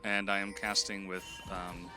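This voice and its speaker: A man's voice: fairly low pitch, unhurried, music in the background. A man in his thirties casting an esports match, laid-back and laughing with his partner. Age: 30s. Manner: laughing, relaxed, playful banter. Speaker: esports caster. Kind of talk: casual esports commentary.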